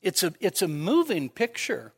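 A man's voice: sits high, wildly swooping pitch, moderate pace, fairly bright tone, slightly rough. A man preaching a sermon in a conversational way, often asking his listeners rhetorical questions. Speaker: pastor.

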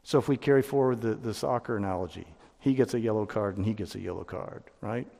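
A man preaching a sermon as pastor, speaking emphatically and climbing to loud peaks. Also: lowish voice, quick pace, creaky, in a large hall. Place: church sanctuary.

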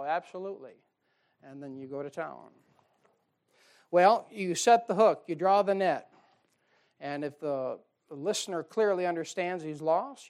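A man preaching a sermon on soul-winning, shifting from loud emphasis to quiet asides and slowing down to read scripture. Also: high voice. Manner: reads scripture in slow, drawn-out emphasis.

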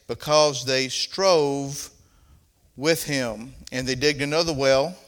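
A man's voice: fairly high pitch, fairly bright tone. An older man with a Southern accent preaching a sermon in a folksy style, reading scripture and rising into emphatic points. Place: church platform, roomy.

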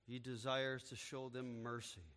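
A man preaching an expository sermon as a pastor, moving from quiet explanation to loud, emphatic proclamation. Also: mid-range voice, flat delivery, unhurried. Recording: long reverb of a large hall.

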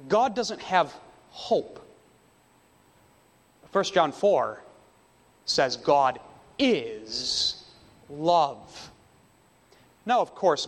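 A man preaching a sermon, slow and emphatic, with dramatic pauses between phrases. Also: on the high side, in a large hall.

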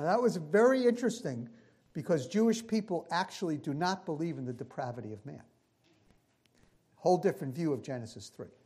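A man from New tells a story from the pulpit in a slightly husky, fairly high voice. His New comes through as he acts out the back-and-forth with lively, punchy timing. The delivery is that of a sermon. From New York. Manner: punchy, animated storytelling with acted-out dialogue. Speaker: preacher.

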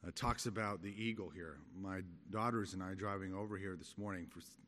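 Low-voiced man teaching in an echoey hall. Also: fairly even intonation, fairly bright tone. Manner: halting, conversational, explanatory. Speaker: Bible teacher. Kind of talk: expository Bible study sermon. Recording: echoey hall with long reverb.

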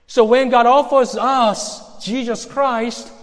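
Male preacher, high and lively voice, slow deliberate delivery, long hall reverb in a church hall. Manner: emphatic, reads scripture slowly and pointedly. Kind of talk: sermon.

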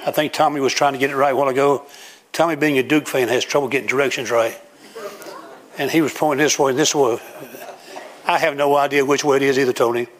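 A man's voice: medium pitch, fairly even intonation, quick pace. A man preaching a sermon to a congregation, telling homely stories and acting out everyday scenes. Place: church room with a congregation.

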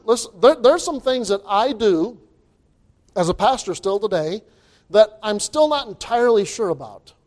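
A man preaching a sermon as pastor into a pulpit microphone, emphatic and repeating his words as he builds to loud exclamations. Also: high voice.

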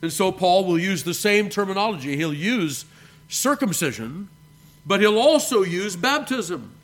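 A man, a pastor, preaching a measured sermon and reading scripture aloud. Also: sits high, sing-song, a bit bright. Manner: addresses listeners as beloved.

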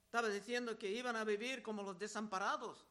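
Guy preaching verse by verse, really high bright voice, reads scripture then explains it. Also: fairly even intonation, fast talker. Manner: reads scripture aloud and explains it, repeating key words. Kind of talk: verse-by-verse Bible teaching.

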